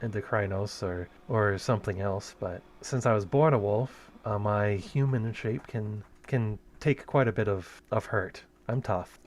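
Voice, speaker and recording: A man voicing a tough young female wolf-born shapeshifter, speaking haltingly and repeating words. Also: fairly low pitch, a little hiss or hum, lightly acted. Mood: friendly.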